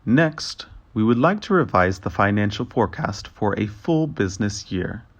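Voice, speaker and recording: A man giving a translation voice-over as interpreter, with a steady, formal reading of a financial results briefing. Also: lowish voice, normal speed.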